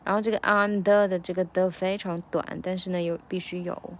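Woman teacher, thoughtful and self-coaching, slightly low voice. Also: little pitch movement. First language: Chinese. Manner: reflective, breaks lyrics into slow drills. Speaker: English teacher practicing song lyrics. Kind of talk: casual self-recorded practice vlog.

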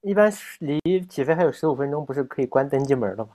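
Very low-voiced woman with short replies. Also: animated, fast, crowd noise. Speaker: podcast co-host. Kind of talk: casual chat, short reactions.

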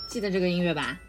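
Playful lowish-voiced mother, lively and teasing. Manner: playful teasing, laughs often, soothing. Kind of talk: casual bedtime chat with her young daughter. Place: home at bedtime. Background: soft music she plays.

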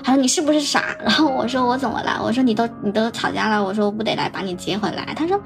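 Young woman telling a halting personal story. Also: fairly high pitch, vocal fry, faint music behind. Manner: halting, repeats words and restarts, recounts dialogue. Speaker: podcast guest telling her story.

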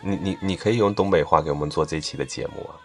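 A man's voice: extremely low pitch, quick pace, fairly bright tone, soft background music. A man chatting casually as a podcast co-host, often repeating the openings of his sentences. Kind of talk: casual chat.

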